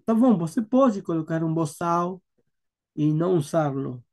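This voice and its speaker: A native Spanish speaker giving an explanatory lecture in halting Portuguese mixed with Spanish words, searching for terms. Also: medium pitch, animated, a little mellow. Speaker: horse-handling instructor.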